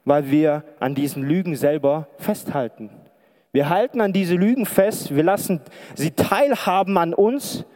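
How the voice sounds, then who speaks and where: A man preaching to an audience from a stage, talking conversationally and firing question after question at them. His voice sits a bit higher than most men's, and it rings out with a long reverb from the big hall around him. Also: a little slow, darkish tone. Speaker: preacher and pastoral counselor. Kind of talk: sermon. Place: lit stage before an audience in a large hall.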